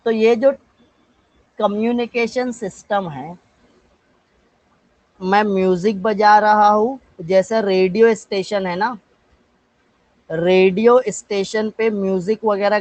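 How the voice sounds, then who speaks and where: This Indian-accented physics teacher from India has a high-pitched voice and leads a live online class. He asks and answers his own questions, pauses to dictate English definitions, and calls out students by name. The audio is dull, with no room sound.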